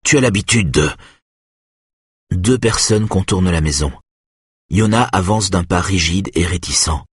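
Measured and tense, this male narrator reads a suspense audiobook in a low, husky, breathy voice. It's recorded up close with zero room sound or echo, entirely dry.

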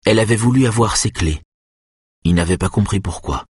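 Deep, husky male narrator. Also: brisk, dry recording, studio quality. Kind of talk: audiobook narration.

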